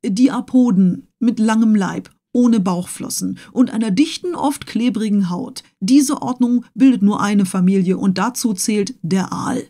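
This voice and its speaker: A woman's voice: medium pitch, measured pace, hardly any pauses, warm tone. A woman voicing a pedantic, tireless male servant who lectures in precise lists, raised above her own voice, in a storybook reading. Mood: lecturing.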